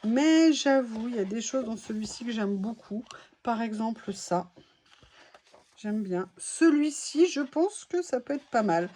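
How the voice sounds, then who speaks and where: Chatty woman with a mellow, high voice. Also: expressive, measured pace. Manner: chatty and exclamatory, reacting aloud to each item. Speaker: craft vlogger. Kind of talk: casual haul commentary.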